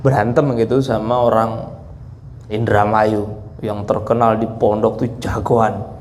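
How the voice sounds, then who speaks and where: A man preaching in a relaxed, storytelling way. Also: lowish voice, unhurried, a little hiss or hum. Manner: relaxed, chatty, mixes in laughs. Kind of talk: sermon storytelling.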